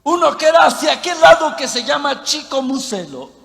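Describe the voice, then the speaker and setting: High-voiced preacher, gravelly and emphatic. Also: male voice, sing-song, moderate pace, big-room sound. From southern Mexico near the Guatemala border. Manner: emphatic, swings from shouting to hushed, rhetorical questions. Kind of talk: sermon.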